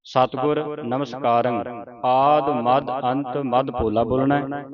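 A man teaching correct recitation of scripture, with quick explanations between slowly recited verses. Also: medium pitch, steady tone, dull audio, a crowd in the background. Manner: quick instructive explanations, then slow drawn-out recited verses.

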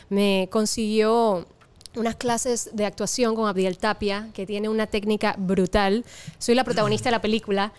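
A young woman with a Panamanian Spanish accent, a TV presenter guesting on a podcast, telling animated stories and dropping English words into her talk. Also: medium pitch, clear, resonant tone. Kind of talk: casual podcast chat.

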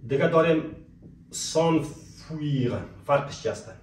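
A man teaching a French lesson in a fairly high voice. He stretches out each example phrase slowly and asks students to repeat it. The sound is roomy, echoing, and set back from the mic. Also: lively intonation, distant mic, slight background noise. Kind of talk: spoken language lesson with slow example phrases.

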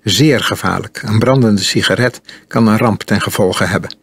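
A man voicing a stern middle-aged male resistance fighter, speaking in terse, gruff commands in an audiobook. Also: lowish voice, normal speed, a bit bright, no echo.

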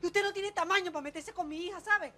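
A woman's voice: very high voice, fast, sharp tone. An actress playing a fretful, melodramatic mother in a telenovela, exclaiming and scolding. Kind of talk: telenovela acting.

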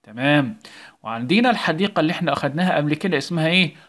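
Egyptian teacher coaxing young kids. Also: male voice, on the high side, animated, very fast, fairly bright tone. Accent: Egyptian Arabic. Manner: coaxing, calls out English words for the class to repeat. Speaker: English teacher. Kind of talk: recorded lesson for young children.

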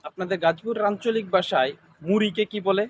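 A man's voice: high-pitched, brisk, slight background noise. A man interviewing, asking the same kind of question over and over. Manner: repetitive, formulaic questioning.

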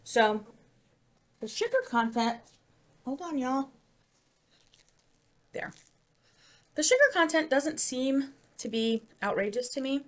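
A woman's voice: sits high, lively intonation, takes it slowly, long pauses. A talkative American woman tries a sweet on camera and chats about it in a loose, rambling way. She laughs easily and keeps up friendly small talk with her viewers. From United States. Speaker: vlogger. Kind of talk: casual taste-test vlog.

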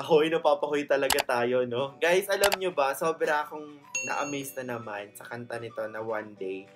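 A young Filipino man with a Filipino accent, chatting excitedly as host of a reaction video and switching between Tagalog and English. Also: fairly high pitch. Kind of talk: casual reaction commentary.

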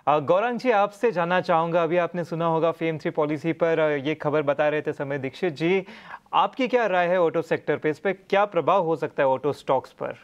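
A man's voice: on the high side, normal speed, highs cut off. A man anchoring a business news show, handing over to a guest in a formal manner.

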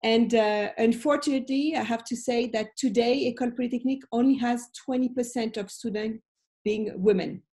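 A French woman in her late forties, a professor, gives conversational interview answers over a video call from an indoor room at home, using her computer microphone. She has a French accent and a fairly high, dark-toned voice with fairly even intonation and a fairly quick pace.

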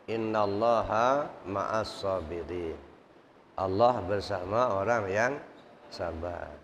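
A man delivers a sermon at a mosque study session with a rough, gravelly voice. He drives each point home through repetition and rhetorical questions to his listeners. The recording is dull and lo-fi, with a long echo from the mosque hall. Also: on the low side, a little hiss or hum. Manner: repeats points and asks the congregation rhetorical questions. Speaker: Islamic preacher. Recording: reverberant hall, dull lo-fi sound.

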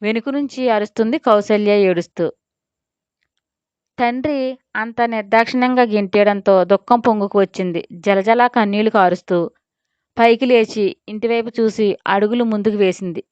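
A woman's voice: medium pitch, moderate pace, darkish tone, clean tone, no room sound, dull audio. A woman narrating a scripted audio story and voicing all the characters herself.

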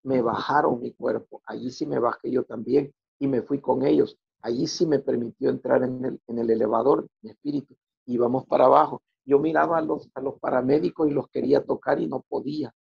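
A man telling his personal religious testimony, halting and repeating words as he goes. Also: medium pitch, steady tone, gravelly, slightly rough, highs cut off. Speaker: testimony speaker.

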